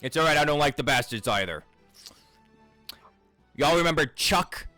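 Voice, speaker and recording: A man voicing a gruff male dwarf shipwright who talks bluntly and crudely, swearing often. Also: a little high, animated, moderate pace, bright, forceful tone, soft background music, voice pushed up, poor audio. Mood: scheming.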